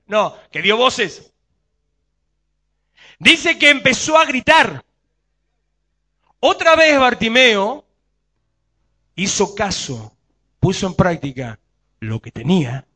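Bright, high-pitched Rioplatense preacher man. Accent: Rioplatense Spanish. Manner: preaching with rhetorical questions to the congregation. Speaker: pastor. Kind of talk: sermon.

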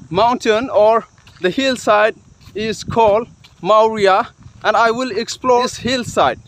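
A man narrating an outdoor exploration vlog in halting, short, repeated phrases. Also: very high-pitched, a little hiss or hum, low-quality recording. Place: outdoors on riverbed, hillside and forest.

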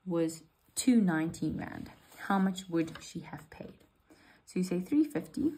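A woman's voice: fairly low pitch, vocal fry, darkish tone, breathy edge, poor audio. A woman, walking students through an exam paper step by step in a patient, reassuring way. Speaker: maths literacy teacher.

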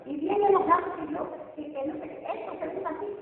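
High-voiced woman in an echoing church. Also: fast talker, noisy background. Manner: fervent, addresses the congregation as brothers. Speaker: church member giving testimony. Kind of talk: church hymn and spoken testimony. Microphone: phone recording from a distance. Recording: far-off echoey hall, tinny phone audio.

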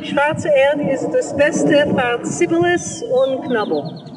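A woman's voice: high-pitched, animated, slow pace, big-room sound, far from the mic, a loud crowd. A woman chatting casually on a farm field, cheerfully remarking on the produce. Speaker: cook and co-host. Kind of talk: casual chat. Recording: outdoor farm field with wind and animal sounds.

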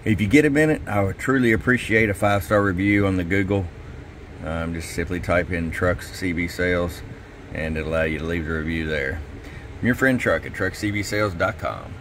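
At his indoor repair bench, a low-voiced CB radio shop owner and technician walks through a radio tune-up a bit quickly, chatting as if to a customer. Relaxed and folksy, he says "hello" into the mic again and again while testing, over a faint hum.

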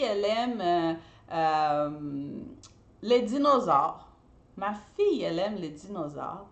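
A woman hosts a live teaching talk, and her voice swings widely up and down as she explains. She restarts words, repeats herself and keeps asking her listeners if they follow. The sound carries the echo of a hard room. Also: medium pitch. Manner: checks in with listeners often. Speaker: host and trainer.

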